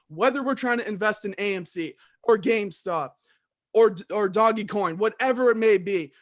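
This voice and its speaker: Guy playing a fired up crusading wrestler cutting a promo, high voice, indignant and calling out the bad guy. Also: natural voice. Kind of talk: amateur wrestling promo, speechifying.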